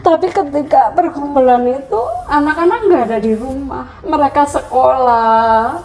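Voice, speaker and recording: Recounting her conversion in an emotional interview, a middle-aged Central Javanese woman becomes tearful and pleading when remembering her prayers. She speaks in a high, slightly mellow voice at normal speed, and the recording quality is low.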